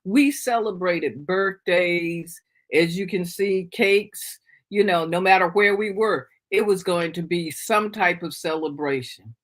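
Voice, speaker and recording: A woman in her fifties, a family caregiver, presenting a workshop in a relaxed, conversational way. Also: on the low side, unhurried, hardly any pauses. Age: 50s. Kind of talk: presentation talk.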